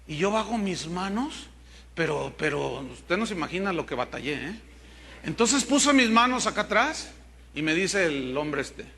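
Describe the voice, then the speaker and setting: A slight hiss or hum accompanies the voice of an older Mexican pastor, which is a little high, pushed, and bright. He preaches with a Mexican Spanish accent, telling stories with humor and joking with the people in his congregation.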